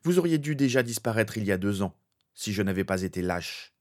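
A man's voice: on the low side, animated, fairly quick, a little mellow, lightly acted. A man voicing a brave young wizard hero in a fan fiction reading, earnest and determined. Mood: resolute.

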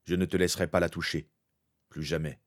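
A man voicing a grim, vengeful soldier in a fan fiction reading, speaking low and threatening. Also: little pitch movement, a little fast, lightly acted.

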